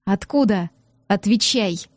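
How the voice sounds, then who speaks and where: A brooding young man with a threatening edge, speaking in short, low, clipped lines, as a woman narrator puts him on. His voice sits well below her own and sounds close and dry. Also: takes it slowly, no room sound. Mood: menacing. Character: brooding menacing young man, a shape-shifter.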